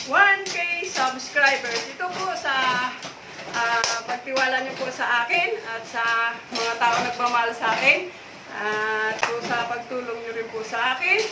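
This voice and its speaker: A woman vlogger talking in an exuberant, celebratory way, cheering between her thanks. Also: fairly high pitch. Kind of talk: excited celebratory vlog. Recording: roomy, distant mic with ambient noise.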